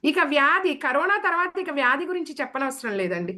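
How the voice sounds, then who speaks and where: A woman's voice: high-pitched, big pitch swings, brisk, pushed and bright. A woman giving a devotional sermon, asking the audience rhetorical questions and acting out the quotes. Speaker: spiritual speaker.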